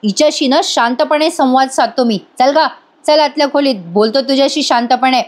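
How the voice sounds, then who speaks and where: A bullying, hot-tempered husband who shouts and mocks his wife, as a woman reading a recap puts him on. The voice sits high. It is a plain voice-over read with little disguise. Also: moderate pace, close to an everyday voice. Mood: angry, mocking. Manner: shouting, mocking.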